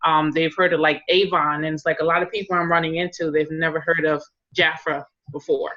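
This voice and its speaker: A woman's voice: low voice, level tone, brisk, pushed and bright, lo-fi sound. A woman in direct sales casually sharing tips on a group call, rambling with lots of fillers.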